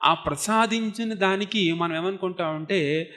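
A man's voice: sits high, a little slow, bright, forceful tone. A monk giving a devotional discourse to a seated audience, explaining patiently and asking his listeners rhetorical questions. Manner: recites Sanskrit verses between explanations. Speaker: monk giving a spiritual talk.

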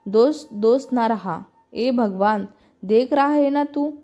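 A woman's voice: on the high side, slow, dark tone, highs cut off, faint music behind. Woman doing a teasing young best friend. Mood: mock-angry. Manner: teasing, mock-dramatic. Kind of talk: storybook reading.

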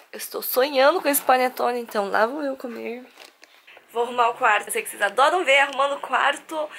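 A young woman from Brazil with a Brazilian Portuguese accent, chatting casually and excitedly to the camera in her bedroom vlog. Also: on the high side, a little hiss or hum. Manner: chatty and bubbly, squeals with excitement. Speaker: vlogger.

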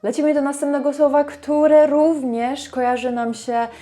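A woman with a Polish accent teaching English pronunciation, upbeat and encouraging, modeling each word slowly. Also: high-pitched, little pitch movement, dark tone, faint music behind. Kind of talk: pronunciation lesson, modeling words to repeat.

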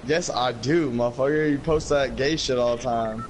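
A man's voice: medium pitch, normal speed, slight background noise. A young man gaming with friends, laid-back and teasing, swearing often. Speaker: gamer. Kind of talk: casual gaming banter.

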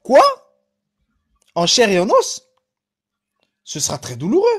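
A man's voice: high-pitched, huge pitch swings, measured pace, husky, heavily acted. A man reading aloud the lines of a timid, credulous young nun.

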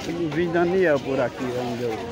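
A market vlogger with a Northeastern Brazilian accent from Pernambuco walks through an outdoor street market, chatting casually and calling out informal greetings to passersby. His medium-pitched voice is brisk. The person filming holds a phone, and busy crowd and street noise fill the background.

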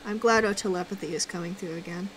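A woman streaming a game and chatting casually, excitable and teasing, with sudden loud exclamations. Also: fairly low pitch, fast talker, slight background noise, low-quality recording. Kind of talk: casual gaming chat.

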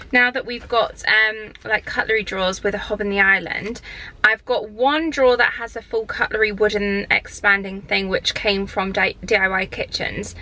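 In a parked car and then her bedroom, a lifestyle vlogger holds her camera at arm's length and chats upbeat and rambling about a shopping haul. Her mid-range voice comes across pushed and bright. Audio quality is poor, with slight background noise.

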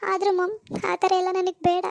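A woman's voice: very high-pitched, level tone, a little fast, gravelly, no echo, studio quality. A woman voicing a tearful young married daughter in a cartoon, complaining and full of self-pity. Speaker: grieving daughter. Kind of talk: cartoon voice acting.

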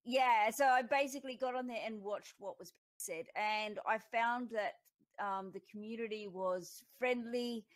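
A woman's voice: a little high, unhurried. A middle-aged woman hosting a panel over a voice call, chatting casually with lots of small laughs. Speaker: panel host.

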